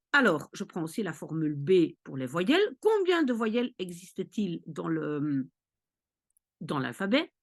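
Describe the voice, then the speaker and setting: A woman tutoring maths, explaining patiently step by step and checking in often with her listeners. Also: medium pitch. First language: Dutch. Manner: patient, repeats checks like "ok?" and "d'accord?". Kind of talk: explanatory lesson.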